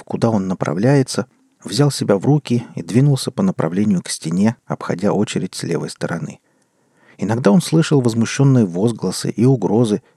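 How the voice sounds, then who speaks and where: Guy reading a story, low and husky, dry close sound. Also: warm tone, no echo. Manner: measured storytelling. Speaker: narrator. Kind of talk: audiobook narration.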